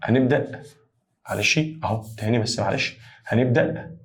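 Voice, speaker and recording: A man with an Egyptian accent teaching maths at a rapid clip. He talks to his students in a chatty, emphatic way and repeats key phrases over and over. His voice sits at a middle pitch. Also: lively intonation, faint music behind. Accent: Egyptian Arabic. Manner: chatty, addresses students as "ya basha"; repetitive, emphatic. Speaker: math teacher. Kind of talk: energetic whiteboard lesson.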